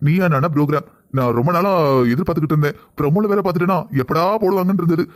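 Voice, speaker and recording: A man's voice: fairly high pitch, very fast, natural voice. A man voicing a careless young husband. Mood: relaxed. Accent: southern Tamil. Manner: offhand, dismissive. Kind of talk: cartoon voice acting.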